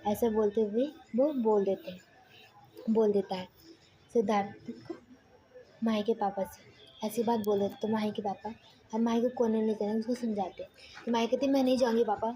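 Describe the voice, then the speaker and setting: Woman telling a story, loose and hushed. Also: mid-range voice, steady tone, moderate pace, long pauses, low-quality recording. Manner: loose, self-correcting, partly whispered. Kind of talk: casual spoken story narration.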